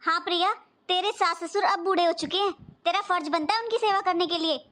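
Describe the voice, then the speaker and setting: A very high, thin-voiced cartoon mother who lectures her grown daughter patiently but firmly. She sounds worried and earnest throughout. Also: a little fast, fairly bright tone. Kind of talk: cartoon voice acting.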